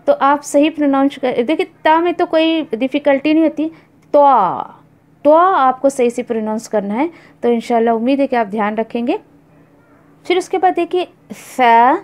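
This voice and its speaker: A woman teaching Quran recitation, explaining how similar-sounding letters differ and repeating each word slowly for practice. She mixes English words into her speech. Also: high voice, darkish tone. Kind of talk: slow explanatory lesson.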